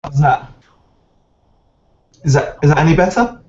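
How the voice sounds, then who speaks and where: A man's voice: fairly high pitch, animated, warm tone. A man co-hosting a live stream, sounding very echoey through a faulty call mic while he fixes it. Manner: fussing with his mic, hurried. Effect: very echoey, roomy sound from a bad mic setup. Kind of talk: casual live-stream chat. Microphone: faulty computer mic on a video call. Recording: echoey dull remote mic line.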